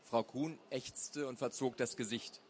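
A man narrating a story aloud in a measured, dramatic way. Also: medium pitch, steady tone, slight background noise. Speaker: reader. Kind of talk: audiobook narration.

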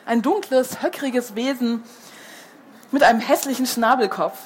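A woman's voice: fairly high pitch, a little slow, a little hiss or hum. Woman reading a children's story aloud. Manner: hesitant with fillers when speaking freely.

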